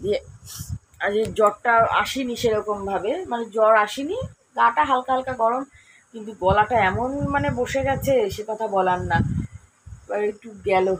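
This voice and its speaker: A woman talks through her day at home, rambling and homely. Her voice sits fairly high. A soft hum of background noise stays under her speech. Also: moderate pace. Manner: chatty, rambling, homely storytelling. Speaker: homemaker vlogger. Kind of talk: casual daily-life vlog narration. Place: at home, indoors.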